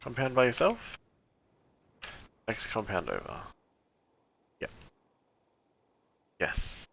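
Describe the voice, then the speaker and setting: A man's voice: mid-range voice, huge pitch swings, takes it slowly, vocal fry, fairly bright tone. A man playing a military game as drone operator, casually commenting and swearing as he goes. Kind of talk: casual muttered gaming commentary. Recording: dull mic with faint noise.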